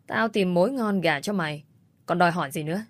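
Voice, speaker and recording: A woman voicing a drunk, angry middle-aged father who barks gruff insults in a storybook reading. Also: fairly low pitch, fast, dry recording, natural voice.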